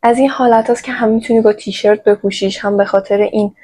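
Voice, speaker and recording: A woman's voice: medium pitch, fairly even intonation, mellow, poor audio. A woman from Iran chatting playfully to her viewers in a casual shopping haul vlog, recorded on her own microphone. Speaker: vlogger.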